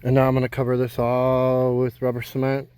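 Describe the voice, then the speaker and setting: A man's voice: medium pitch, completely flat delivery, brisk, darkish tone, a little hiss or hum. A man casually narrating his vlog outdoors on a houseboat, explaining a repair while he works. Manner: easygoing, explains while working with his hands. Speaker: vlogger.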